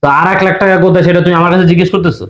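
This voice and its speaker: A man's voice: high-pitched, flat delivery, very fast, roomy sound, dull audio, lightly acted. A man playing a suspicious husband who insistently accuses his wife in a comedy drama. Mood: accusing. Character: suspicious husband demanding missing money. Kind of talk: short comedy drama acting.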